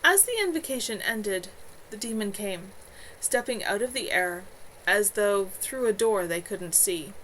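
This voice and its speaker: Animated and measured, a woman with a mid-range, somewhat bright voice narrates her own fantasy novel live from home. The noisy livestream captures an unpolished, amateur reading full of stumbles.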